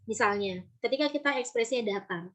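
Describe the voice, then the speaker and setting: Brief: animated woman storytelling coach, fairly high voice, casual workshop delivery with quick voice demos. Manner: lively, demonstrates voices and intonations. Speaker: storytelling trainer.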